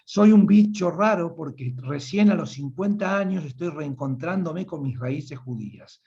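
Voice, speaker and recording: Hosting and moderating a live online panel, an Argentine man reads audience comments aloud in a fairly high, mellow voice at a measured pace. He often repeats words while hunting for the right one, and the sound quality is lo-fi.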